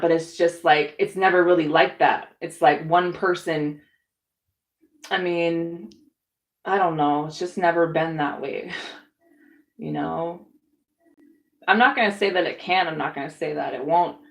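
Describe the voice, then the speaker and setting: A young woman streaming live, talking bluntly and casually with lots of swearing and slang, hoarse and clearing her throat as she loses her voice. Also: fairly low pitch, rough recording. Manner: blunt, profane, laid-back slang. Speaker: tarot streamer. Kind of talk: casual livestream chat.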